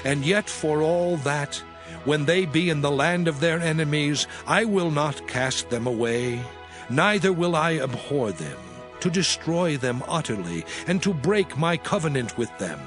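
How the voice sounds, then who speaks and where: A stern God of the Old Testament, speaks over prominent music. The voice sits a little high and delivers scripture as solemn, measured declamation, a lawgiver pronouncing judgment in an audio drama. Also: male voice, expressive. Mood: solemn, resolute.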